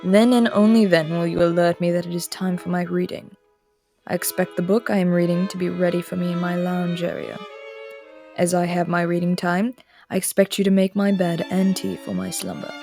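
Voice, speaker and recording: In a roleplay audio drama, a woman voice actor plays a cool, languid immortal prince who is aloof and aristocratic. Her lowish, gravelly-fry voice moves at a moderate pace, calmly issuing orders and sometimes slipping into soft murmurs. Faint string music sits underneath.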